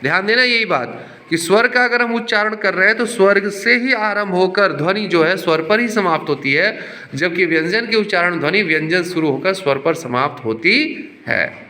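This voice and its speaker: Man, teacher, repeats and quizzes students, high voice. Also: sharp tone, reverberant. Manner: explains slowly, repeats points, quizzes students. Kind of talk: classroom teaching in Hindi and English. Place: classroom.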